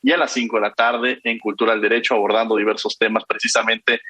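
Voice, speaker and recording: A man with a Mexican accent hosting a radio talk show, courteous and gently rambling as he thanks guests and announces the credits. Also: fairly low pitch, flat delivery, fast talker, no room sound, poor audio. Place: radio studio.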